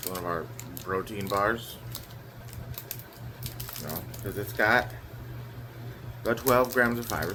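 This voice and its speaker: A young male vlogger with a mid-range, slightly nasal voice chats casually about his daily vlog plans against a noisy background. He rambles and uses lots of fillers.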